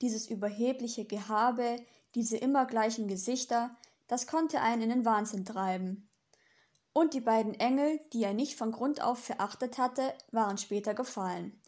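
A woman reads a novel aloud in steady, even narration. Her voice sits slightly high. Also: normal speed. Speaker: audiobook narrator. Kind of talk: scripted narration.

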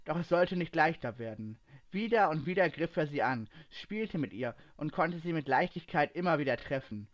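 A man narrating a story aloud at a steady, even pace, his voice sitting a bit higher than most men's. The recording is dry with no room sound. It is also a little dull and lo-fi. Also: normal speed, no echo.

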